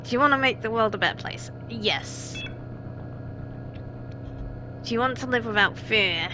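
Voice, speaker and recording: A woman's voice: fairly high pitch, measured pace, noisy background. A young woman doing casual let's play commentary, chatty and giggly, yelping at scares.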